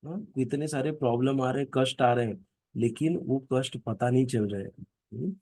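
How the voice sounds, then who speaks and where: A man's voice: mid-range voice, moderate pace, dark tone, no room sound, studio quality. A man leading a scripture class for families, explaining verses through stories and often asking his listeners "right?". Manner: storytelling, asks "ना?" and "हाँ?" to check listeners follow.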